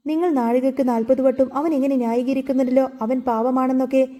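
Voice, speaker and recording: A meddling older woman who refuses to let the fight drop, in a woman narrator's reading. The voice is high and mellow, and it stays quarrelsome. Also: steady tone, a little fast, natural voice. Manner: quarrelsome, interjecting.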